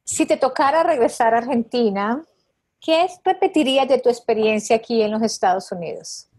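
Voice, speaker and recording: Higher-voiced woman asking questions. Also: normal speed, darkish tone. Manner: brief, inquisitive questions. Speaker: interviewer. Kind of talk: interview questions.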